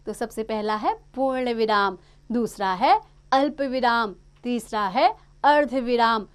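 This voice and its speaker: A woman with a fairly high voice gives a grammar lesson to young children. She explains patiently and step by step, often turning to the class with a question. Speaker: teacher.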